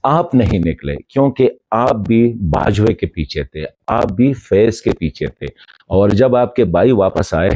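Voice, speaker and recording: Respectful reproach and rhetorical questions mark this direct-address commentary video, in which a journalist and commentator from Khyber Pakhtunkhwa, northwest Pakistan, speaks straight to a colleague. His voice is lowish and warm with lively intonation, and a little hiss or hum is audible.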